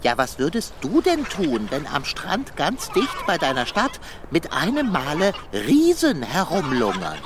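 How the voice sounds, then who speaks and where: Performer as a fussy talking tomcat, wordy, wildly swooping pitch, noisy recording. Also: huge pitch swings, measured pace, few pauses. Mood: reasoning. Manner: wordy, fussy, easily flustered. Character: talkative male tomcat with a tail.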